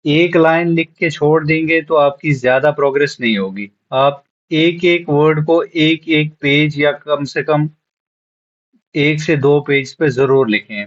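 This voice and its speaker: Slow, patient man teaching a lesson. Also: on the high side, lo-fi sound. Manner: spells words letter by letter, repeating each one slowly. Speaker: shorthand teacher. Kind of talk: classroom lesson.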